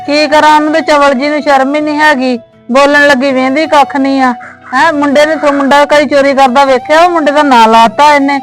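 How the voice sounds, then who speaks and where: A woman's voice: high voice, fairly even intonation, fairly quick, soft background music, lightly acted, low-quality recording. A woman playing an upset Punjabi mother. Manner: upset, complaining and scolding. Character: worried mother defending her son. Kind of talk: family drama acting.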